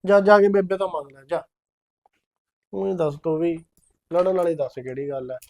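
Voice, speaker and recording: A man's voice: fairly high pitch, fairly quick, gravelly, warm tone. An actor playing an easygoing young husband who brushes off his wife's worries. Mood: placating. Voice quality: dismissive, placating. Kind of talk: village family drama acting.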